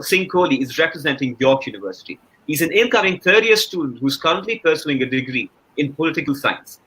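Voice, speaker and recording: A man's voice: on the high side, sharp tone, breathy edge, poor audio. A young man moderating a panel with formal, scripted introductions.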